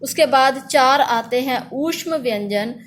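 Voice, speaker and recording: A woman's voice: sits high, slight background noise. Woman teacher drilling letters aloud. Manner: drills letters slowly and loudly for pupils to repeat. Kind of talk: classroom grammar lesson.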